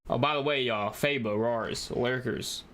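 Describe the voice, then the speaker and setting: Chatting with viewers as he plays a game on stream, a young man uses a mid-range, slightly bright voice at a measured pace. He speaks slangily and buddies up to his chat with bro and y'all, with a little hiss or hum in the background.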